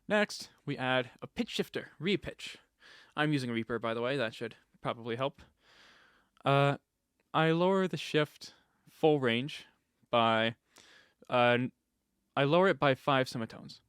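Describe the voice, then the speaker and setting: A man's voice: mid-range voice, moderate pace, fairly bright tone, clean tone, no echo, clean studio sound. A man giving a casual step-by-step tutorial on voice effects, explaining settings plainly with fillers and restarts.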